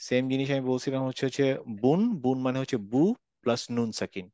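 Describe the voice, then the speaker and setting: A man's voice: mid-range voice, little pitch movement, fast talker, warm tone, no echo. A man teaching a Quran recitation class online, patiently repeating examples and checking that students follow. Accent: Bangladeshi Bengali.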